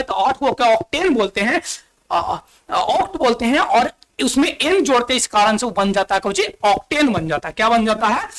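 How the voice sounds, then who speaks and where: A man's voice: high voice, a bit bright. Bihari-accented male teacher quizzing pupils. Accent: Bihari Hindi. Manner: repeats and asks questions back to pupils, counts aloud while writing. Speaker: school chemistry teacher. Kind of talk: classroom-style video lesson.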